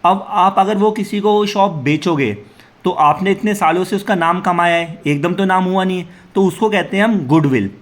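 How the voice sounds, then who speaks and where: High-pitched guy teaching accounting basics, asks questions and answers them himself, reads definitions out slow. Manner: reads English definitions slowly, then explains in Hindi. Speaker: commerce teacher. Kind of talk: classroom lecture to students.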